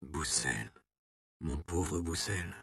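A man's voice: lowish voice, lively intonation, vocal fry, mellow. A man voicing a firm, authoritative nobleman in an audiobook. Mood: hushed. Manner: firm, measured.

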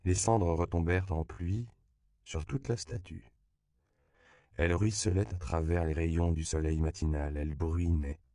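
Deep gravelly male audiobook narrator. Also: no echo, studio quality. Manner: measured, even storytelling.

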